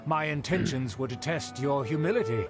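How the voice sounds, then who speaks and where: An actor with a medium-pitched, expressive voice plays a pompous, snobbish middle-aged nobleman, speaking formally and condescendingly at a normal speed in a haughty mood. The acting is light, and it's game dialogue with music underneath.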